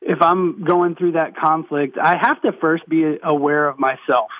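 A man's voice: on the high side, a little slow, no echo, narrow, tinny audio. A man guest on a podcast, explaining his feelings reflectively and searching for words as he goes. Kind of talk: casual podcast conversation.

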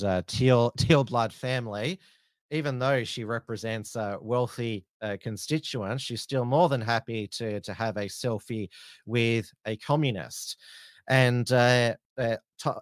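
Halting man giving commentary. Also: mid-range voice, no echo. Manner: halting, hesitant delivery. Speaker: political commentator. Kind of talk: informal political commentary.

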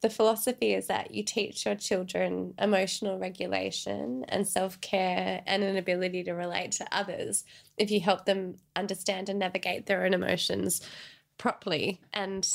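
A woman's voice: mid-range voice, level tone, normal speed, creaky. A woman, co-hosting a podcast in casual chat, thoughtfully explaining ideas in long sentences. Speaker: podcast co-host.

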